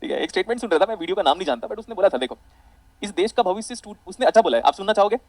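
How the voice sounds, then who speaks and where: A man teaching an online physics lecture, rapid and animated, calling his students beta. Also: high voice, no echo, low-quality recording.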